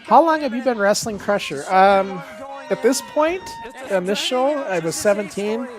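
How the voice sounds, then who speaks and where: A man's voice: sits high, expressive, moderate pace. Chatty man in his fifties reminiscing. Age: 50s. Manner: rambling, chatty, frequent restarts. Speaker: co-host and former wrestler. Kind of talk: casual reminiscing commentary.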